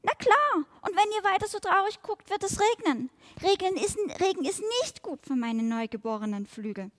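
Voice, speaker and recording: A woman's voice: very high voice, expressive, moderate pace, a bit bright, pitched above the performer's own voice. Woman voicing a tearful little mayfly. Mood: chattering. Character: tender newborn female mayfly, dainty and tearful.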